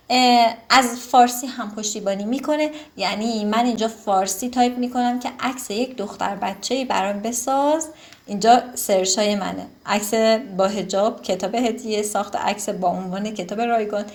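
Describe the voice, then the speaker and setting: A woman with a slightly high voice walks through a software tutorial in an easy, chatty way. She pauses on fillers and corrects herself as she goes, like a teacher recording her screen at her computer. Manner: relaxed, chatty, with frequent fillers and self-corrections.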